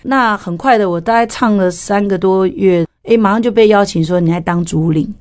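A woman's voice: mid-range voice, a little fast, a little mellow, dry recording, studio quality. A middle-aged woman, a former singer and worship leader, telling her personal testimony in a candid storytelling way and acting out the voices she quotes.

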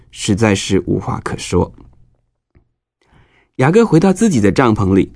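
Low-voiced man telling children's stories. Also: a little mellow, no room sound, studio quality. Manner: explanatory, addressing young children. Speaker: children's storyteller. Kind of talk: scripted Bible story narration for children.

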